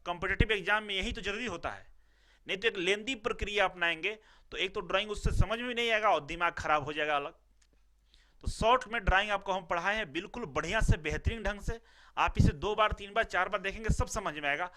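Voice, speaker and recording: A man's voice: high voice, bright, forceful tone, a little hiss or hum. A male teacher giving a recorded lecture who explains step by step, repeats himself and often checks in with his students.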